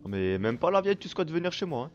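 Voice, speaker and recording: A man giving casual gameplay commentary while he plays, swearing constantly and breaking into excited outbursts. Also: fairly high pitch, quick pace, dull audio, slight background noise. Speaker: let's play gamer.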